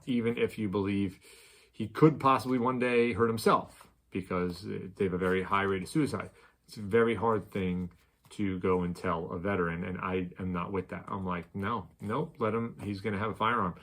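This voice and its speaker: A man hosting a weekly show, talking casually to camera, rambling with many ums and restarts and sudden louder bursts on key points. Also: fairly low pitch. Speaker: show host.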